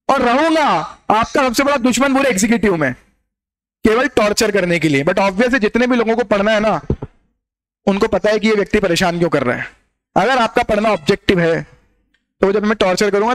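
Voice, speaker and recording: A man with a high voice lectures a class as an exam coach. He teases his students and keeps throwing rhetorical questions at them, like a classroom talk. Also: a bit bright. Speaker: exam-prep teacher.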